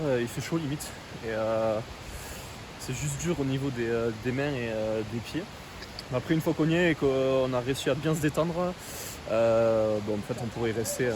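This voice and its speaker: Casting: male participant, medium pitch, hesitant and plain-spoken, ambient vehicle noise. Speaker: test participant. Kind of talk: casual interview answer.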